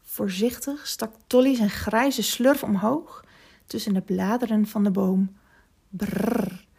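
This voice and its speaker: A woman hosting a children's story podcast, narrating gently and expressively and sometimes dropping to a whisper. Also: mid-range voice, measured pace, gravelly, husky.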